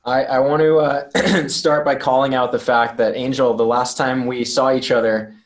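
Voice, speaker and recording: A man's voice: medium pitch, little pitch movement, normal speed. A man co-hosting an online panel, rambling with lots of fillers. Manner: rambling, many fillers and restarts. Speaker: podcast co-host. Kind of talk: casual video-call chat. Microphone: video call.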